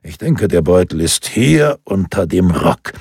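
A burly, calm executioner with a low, gravelly voice, as a male narrator puts him on. He speaks slowly and drily in a storybook reading. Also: no echo, clean studio sound, heavily acted. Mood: calm gruff.

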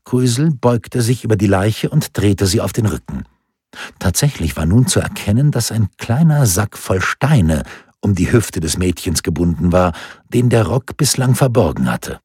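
A man's voice: fairly low pitch, animated, moderate pace, a little mellow, slightly rough, no echo, studio quality. A man reading a historical novel aloud as audiobook narrator. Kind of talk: scripted narration.

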